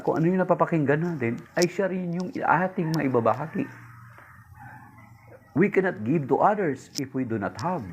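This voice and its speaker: A man preaching a homily, mixing Tagalog and English, telling a story and raising his pitch to act out its voices. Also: gravelly, slight background noise. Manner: mixes Tagalog and English, addresses listeners as brothers. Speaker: priest. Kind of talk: homily with a told joke.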